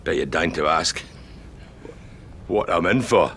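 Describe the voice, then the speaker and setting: An actor with a Scottish accent playing a prisoner who holds a hostage, sing-song and mocking, swinging from jovial to threatening. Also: male voice, sits low, expressive, a little slow, a bit bright, a little hiss or hum, heavily acted. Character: charming, menacing male prisoner holding a hostage. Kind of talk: television sitcom acting.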